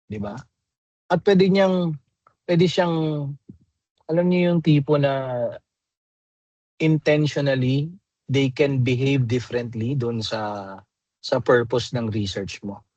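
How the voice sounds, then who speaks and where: A man's voice: mid-range voice, slow pace, long pauses, darkish tone, no echo, dull audio. A man giving an online graduate class lecture, explaining patiently and constantly checking in with his students through tag questions. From Philippines. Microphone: computer mic in a video call.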